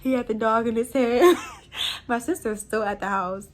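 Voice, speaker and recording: A young woman casually telling a personal story to her viewers, chatty and animated, full of fillers. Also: on the high side, moderate pace, faint music behind. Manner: chatty, animated retelling with many fillers and laughs.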